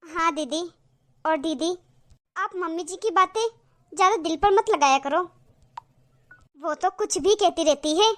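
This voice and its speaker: A young cartoon daughter-in-law with a very high, light voice. She speaks earnestly and kindly, pleading and reassuring. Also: a little slow, pauses often, fairly bright tone. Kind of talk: cartoon voice acting.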